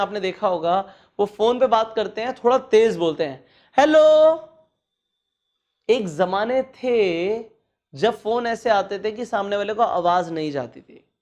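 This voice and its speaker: A man giving casual etiquette advice, slipping English phrases into his talk and counting off numbered points. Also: sits high. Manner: acts out bad habits in a mocking voice. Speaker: etiquette coach.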